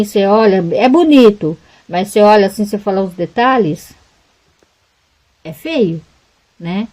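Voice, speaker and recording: A chatty woman talking straight to her viewers about crochet, her voice mellow and rounded rather than bright. She rambles along, checking in with little tag questions at the end of her sentences. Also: medium pitch, rough recording. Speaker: crochet vlogger. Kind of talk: casual chat to viewers.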